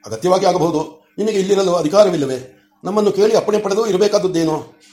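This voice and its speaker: A man reading the lines of a calm, gentle male sage who asks patient, mild questions. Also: sits high, fast talker, reverberant, natural voice.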